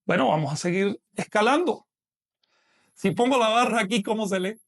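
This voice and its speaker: A man's voice: high-pitched, animated, normal speed, creaky. A man teaching a live online lesson, patiently explaining step by step and asking questions that he then answers himself.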